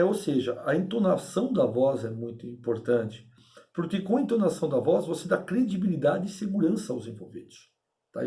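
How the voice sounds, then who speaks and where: A man giving a lecture to his class, lively and emphatic, often asking his listeners if they agree. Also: on the high side. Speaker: instructor.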